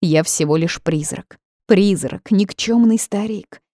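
A woman's voice: fairly low pitch, normal speed, mellow, no room sound, studio quality. Woman doing a wailing old ghost man. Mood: despairing. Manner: wailing, self-pitying outbursts. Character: fussy old male ghost, frantic and grumpy.

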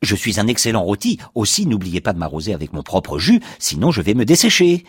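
A man's voice: on the low side, wildly swooping pitch, fairly quick, slightly rough, no room sound, clean studio sound, voice pushed up, exaggerated voice. A man voicing a childish, whining talking kitchen oven in a radio reading. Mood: fussy.

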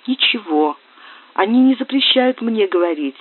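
A woman's voice: medium pitch, lively intonation, normal speed, husky, voice pushed up. A woman reading aloud voices a desperate young woman in love, pleading in an impassioned, tearful way, on narrow, lo-fi audio.

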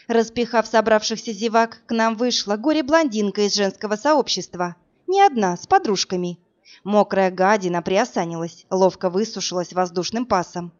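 A woman's voice: mid-range voice, lively intonation, normal speed, muffled recording. Woman narrating a story expressively. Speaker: audiobook narrator. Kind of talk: first-person story narration.

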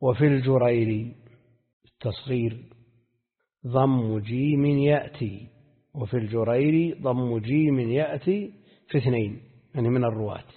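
A man's voice: medium pitch, slightly rough. A man, a sheikh, teaching a classical lesson, who repeats verse lines and questions his students as he explains. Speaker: sheikh teaching hadith terminology. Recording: tinny phone-like audio with long reverb.

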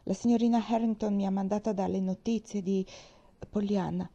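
A woman's voice: medium pitch, fairly even intonation, brisk, mellow, highs cut off, natural voice. Woman voicing an anxious young maid. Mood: distressed. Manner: earnest, apologetic, near tears.

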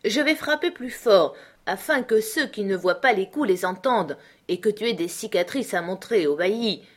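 A woman's voice: medium pitch, lively intonation, moderate pace, close to an everyday voice. A woman reading the part of a proud, furious rich old village man who blusters and threatens.

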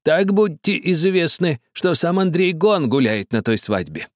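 A man's voice: fairly high pitch, big pitch swings, a little slow, no room sound, clean studio sound, pitched above the performer's own voice. A man voicing a stubborn, quarrelsome old village man who grumbles, wheedles and threatens. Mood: menacing.

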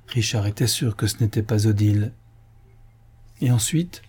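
Man, audiobook narration, dark mellow voice, husky, measured. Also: lowish voice, level tone. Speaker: audiobook reader. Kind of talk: scripted narration.

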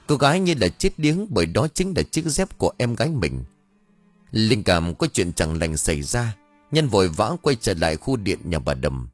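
A man reading a ghost story aloud in an expressive, scripted storytelling manner. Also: fairly low pitch. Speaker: audiobook narrator.

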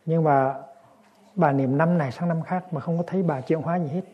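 A man, a Buddhist monk, giving a dharma talk in a gentle storytelling manner that turns lively in the anecdotes. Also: on the high side, a little fast, slightly rough, dull audio. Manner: gentle storytelling, lively when acting scenes.

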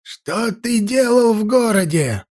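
A man doing a harsh old priest in a storybook reading, his aged voice sharp and lecturing. He sounds stern and unyielding. It is recorded close and dry. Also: high voice, animated, takes it slowly, no room sound, pitched above the performer's own voice, heavily acted. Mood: sharp rebuke.

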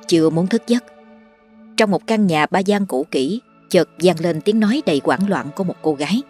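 A woman host narrating a late-night ghost story in a polite, measured way. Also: lowish voice, darkish tone, dry recording. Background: faint background music.

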